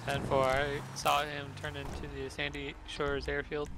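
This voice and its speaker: A man in character as a police officer in a game roleplay, calling in units in plain, steady radio talk. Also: a little high, moderate pace. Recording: noisy game voice chat with sirens.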